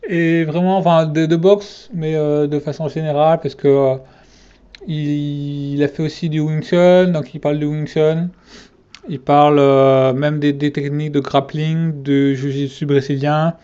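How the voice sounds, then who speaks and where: A man's voice: on the high side, steady tone, measured pace, mellow, clean tone, muffled recording. A man ranking his favourite fitness channels in a casual vlog, hesitant and full of fillers and restarts.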